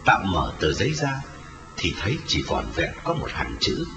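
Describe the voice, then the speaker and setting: A man's voice: sits low, huge pitch swings, normal speed, gravelly, recorded from a distance. Dramatic male ghost-story narrator, reverberant. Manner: dramatic, widely varied intonation. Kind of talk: scripted audio story narration. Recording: echoey reverberant audio story with music, slightly dull. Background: music.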